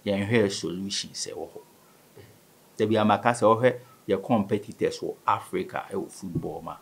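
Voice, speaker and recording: A man's voice: on the low side, moderate pace, gravelly, slightly rough. A man in his thirties with a Ghanaian West African accent, speaking conversationally as a guest in a sports interview. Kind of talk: conversational studio interview, mixing Twi and English. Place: small indoor studio. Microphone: studio microphone on table stand.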